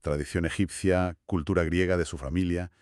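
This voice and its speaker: Deep-voiced man, reflective podcast co-host. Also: fairly even intonation, moderate pace, darkish tone, no echo, studio quality. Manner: reflective, prompts with questions and summaries. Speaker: podcast co-host asking questions. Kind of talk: conversational history podcast.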